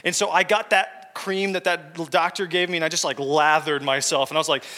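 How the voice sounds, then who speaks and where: Male pastor, fairly high and bright voice, chatty sermon storytelling, long hall echo. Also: flat delivery, fairly quick. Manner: conversational, joking asides to the congregation. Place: church hall with congregation.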